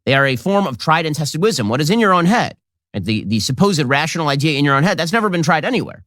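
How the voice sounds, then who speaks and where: A sarcastic male commentator delivers a quick monologue. His pitch is on the high side and bounces a lot. The sound is close and dry. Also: very animated, a bit bright, dry recording. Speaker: political commentator.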